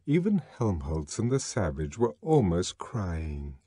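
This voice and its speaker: A man reading a novel aloud at an unhurried pace, his delivery expressive and emphatic. His pitch moves in a lively way through the sentences, and the recording is dry and close-miked. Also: husky, no room sound. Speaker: audiobook narrator. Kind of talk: dramatic audiobook reading.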